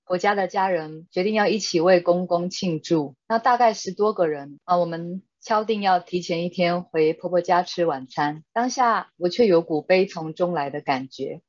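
A middle-aged woman, a guest earnestly and gently reading out a heartfelt personal testimony. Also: lowish voice, no echo. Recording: dull, dry lo-fi sound.

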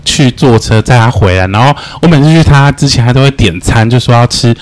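Young man, podcast guest; quick, animated storyteller. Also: medium pitch. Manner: animated storytelling, laughs often. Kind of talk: casual chat.

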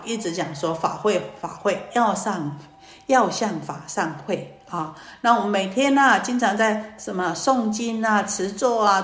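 A woman Buddhist dharma teacher giving a sermon, telling a story in a lively way with many fillers. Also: medium pitch. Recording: roomy echo, faint ambience.

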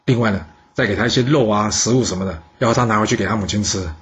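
A man telling a history story in a lively, chatty way. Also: fairly low pitch, breathy edge. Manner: lively, chatty, drawn-out particles. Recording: dull lo-fi recording.

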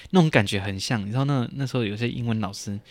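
A man, co-hosting a podcast and telling stories in a lively, laughing way. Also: medium pitch, racing, no room sound. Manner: animated, laughing storyteller. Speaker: podcast co-host. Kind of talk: casual chat, storytelling.

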